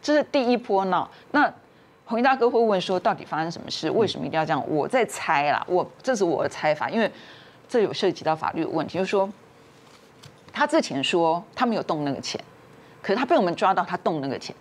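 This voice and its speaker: A woman's voice: fairly low pitch, big pitch swings, quick pace, slight background noise. A woman, a talk show guest telling a family story and acting out the quarrels in raised voices.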